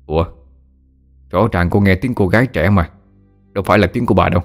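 A man's voice: deep voice, fast, faint music behind. A man playing a joking exorcist who teases his listeners with mock innocence. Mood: teasing. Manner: teasing, playfully mock-innocent. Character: joking young exorcist, sly storyteller.

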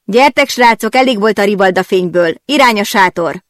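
A woman's voice: medium pitch, no echo, studio quality, close to an everyday voice. A woman reading the lines of a confident young male race driver, breezy and upbeat.

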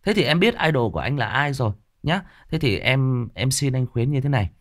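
Speaking off the cuff to a critical listener, a Northern Vietnamese audiobook narrator addresses the commenter directly and defensively. His mid-range voice has lively intonation and runs a little fast, with plenty of fillers and restarts.

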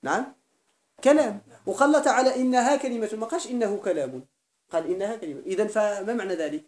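Fast-talking Moroccan teacher in an echoey room. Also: male voice, sits high, a little mellow. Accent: Moroccan Arabic. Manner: questions students and repeats key terms. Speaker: teacher of Arabic grammar. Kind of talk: classroom lecture.

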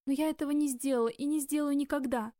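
A woman's voice: high voice, steady tone, fast, mellow, no room sound, studio quality, lightly acted. A woman voicing a tearful, anxious young woman who pleads in an audiobook. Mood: distressed.

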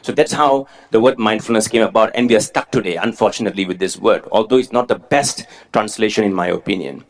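Speaking fast with hardly a pause, a lowish-voiced Singaporean man in his forties presents at a conference as a mindfulness teacher. He is earnest and self-effacing, explaining his points with plenty of fillers before an audience in a conference room.

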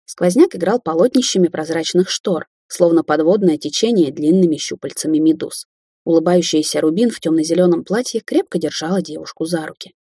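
Dark husky woman narrating. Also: low-pitched, a little fast, dry recording, studio quality. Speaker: audiobook narrator. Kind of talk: scripted fantasy narration.

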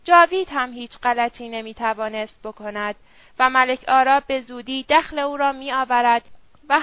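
A woman narrating an audiobook in a steady, measured reading. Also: high voice, no room sound. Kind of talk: scripted narration. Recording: dull dry lo-fi audio.

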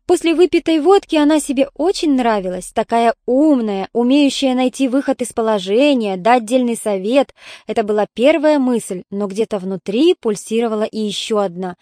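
A woman narrating an audiobook in a steady storytelling manner. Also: fairly high pitch, normal speed, no room sound, studio quality.

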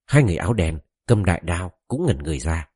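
Deep, husky male storyteller. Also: fast talker, dry recording, studio quality. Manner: expressive storytelling, voicing quoted characters. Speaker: audiobook narrator. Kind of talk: scripted first-person novel narration.

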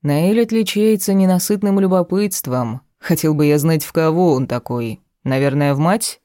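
A reader voicing a seductive male mage who talks to his wife in a low husky murmur. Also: moderate pace, mellow, no echo, clean studio sound, lightly acted. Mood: tender.

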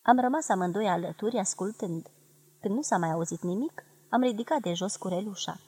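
A woman from Romania giving a measured, expressive literary reading of a memoir. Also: mid-range voice, slightly rough, no echo. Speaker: reader of a memoir.

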